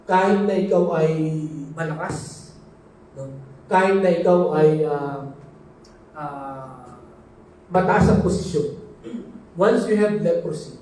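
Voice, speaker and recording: Man, preacher, sermon, high pitch, mellow tone, echoey hall, far from the mic. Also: a little hiss or hum. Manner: mixes Tagalog and English, asks "no?" often. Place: church hall.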